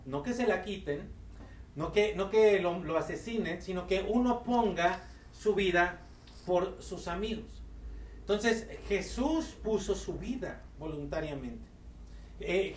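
A pastor teaching a sermon who reads Bible verses slowly with emphasis and asks the congregation rhetorical questions. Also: mid-range voice. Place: church hall with a congregation. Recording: roomy hall, voice from a distance, faint ambience.

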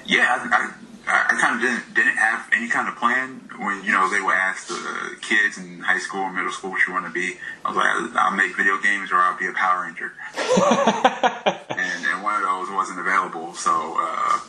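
Over crowd noise and poor audio, a man in his thirties from Michigan who makes indie games gives a casual interview. His low voice is animated yet a bit worn, moderately paced, and full of hesitations, fillers and laughter.

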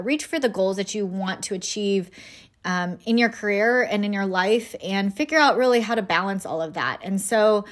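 A woman hosting a podcast in a casual, informal and friendly conversational way. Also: mid-range voice. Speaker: podcast host.

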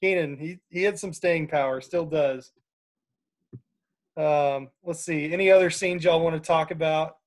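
A man hosting a casual movie podcast, talking in a relaxed way with fillers and laughs. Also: on the high side, a little slow. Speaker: podcast host.

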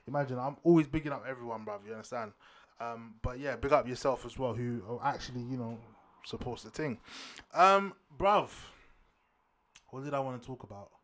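A man's voice: medium pitch, moderate pace. A man with a London roadman accent hosting a casual solo sports podcast, talking in street slang and often repeating himself as he addresses listeners. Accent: London roadman, urban British slang. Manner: slangy, repetitive shout-outs and addresses to listeners. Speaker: podcast host.

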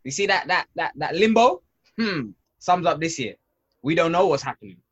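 A man's voice: fairly high pitch, lively intonation, moderate pace, husky, lo-fi sound. A man chatting casually as a podcast co-host, slangy and emphatic, repeating his phrases. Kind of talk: casual album review chat.

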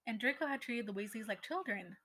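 A woman narrating a story aloud in a steady voice, with an occasional stumble. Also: fairly high pitch, fairly quick. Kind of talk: reading fan fiction aloud.

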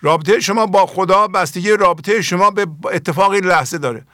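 A man's voice: high voice, fairly bright tone, dry recording, clean studio sound. An older man, a spiritual teacher hosting his own program, giving an earnest talk on poetry and asking his listeners many pointed questions.

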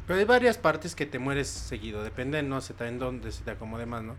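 A man with a Mexican Spanish accent jokes around in casual podcast talk, cutting in often with slangy remarks. His voice has an average pitch. Faint noise hums in the background. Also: expressive, brisk, fairly bright tone. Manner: slangy, jokey, interjects often. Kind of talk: casual chat.

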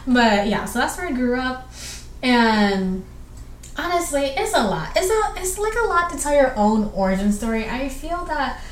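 Her voice sits high and sing-song as she rambles through listener questions on her casual solo podcast. She's a young woman from southwestern Georgia with a Southern accent, chatty and filler-heavy in quick bursts, in an echoey room with faint noise behind her.

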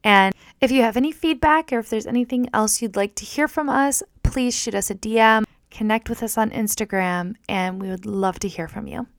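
Effusive woman hosting, creaky, close and dry. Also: a little high, moderate pace, hardly any pauses, no room sound. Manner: effusive, informal. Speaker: podcast host. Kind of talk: podcast intro and casual chat.

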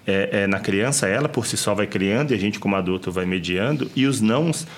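A man, calmly explaining child development in casual conversation. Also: fairly low pitch, a little fast. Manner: calm, explanatory.

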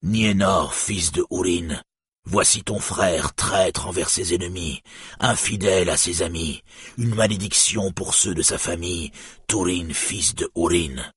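Man playing a dying storybook dragon, slow and dragging, husky, low. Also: a bit bright, no room sound, studio quality, exaggerated voice. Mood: solemn cursing. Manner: slow, solemn, cursing. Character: dying dragon, cruel and cursing.

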